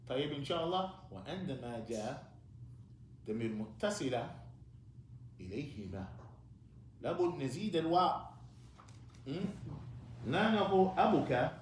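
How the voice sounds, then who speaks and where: A man's voice: mid-range voice, animated, moderate pace, long pauses, a little hiss or hum. A man teaching an Arabic class in a mosque, patiently prompting and correcting his students. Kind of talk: classroom lesson, mixing Arabic and English. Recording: echoey room.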